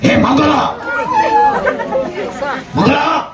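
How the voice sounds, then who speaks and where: A belligerent drunken father who bellows and swings his voice high and low, as a man acts him out on a church stage. The tone sits high for a man, and the sound carries through a roomy hall with a crowd murmuring behind it. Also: animated, normal speed. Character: drunken angry village father, middle-aged. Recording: roomy hall with audience noise.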